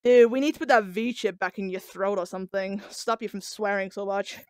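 A woman's voice: medium pitch, steady tone, a little fast, no echo, clean studio sound, natural voice. A woman voicing a tipsy, queasy boy who swears and groans defensively in casual voice role-play. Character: tipsy boy with a drunk dad.

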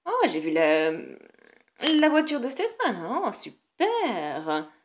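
A woman voicing a slow, grumbling father in a toy film. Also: a little high, wildly swooping pitch, background noise, voice pushed down, exaggerated voice.

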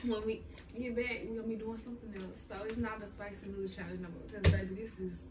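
A woman's voice: mid-range voice, flat delivery, brisk. Young American woman vlogger, noisy echoey room. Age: young adult. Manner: informal, slangy, blunt. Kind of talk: casual chat addressed to viewers. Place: small bedroom, seated at table. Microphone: camera a few feet away. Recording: echoey, distant mic, loud noise.

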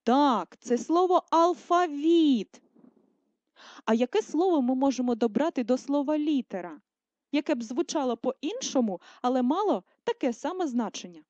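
A woman teacher giving a video lesson to first graders, speaking slowly and carefully and drawing out words to stress them. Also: high voice, lively intonation, warm tone, no room sound. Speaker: primary school teacher. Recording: dull lo-fi sound.

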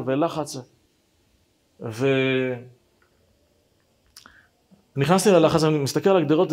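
A rabbi telling a personal story to listeners, animated and speaking to them directly. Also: male voice, fairly high pitch. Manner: animated, acts out dialogue, addresses listeners directly.

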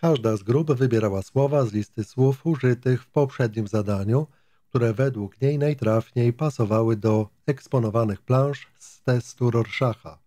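Mellow-voiced man reading a textbook. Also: medium pitch, no echo. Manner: steady, measured, even-toned reading. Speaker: audiobook reader. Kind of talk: reading a nonfiction psychology text aloud.

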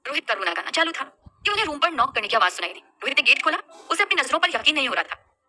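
Fast bright woman storyteller. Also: high-pitched, sing-song. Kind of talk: scripted romance story narration.

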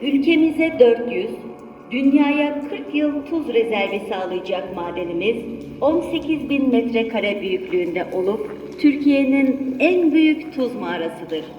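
Woman's loudspeaker announcement echoing through a cave. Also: a little high, distant mic, lo-fi sound, slight background noise. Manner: formal, measured, official. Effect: loudspeaker announcement echoing in a salt cave. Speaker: recorded visitor announcement. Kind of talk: formal scripted announcement. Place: underground salt cave.

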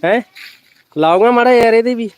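A woman's voice: a little high, fairly quick. A woman live-streaming outdoors on her phone, teasing children and calling out repeated commands at a village celebration. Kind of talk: casual live-stream commentary.

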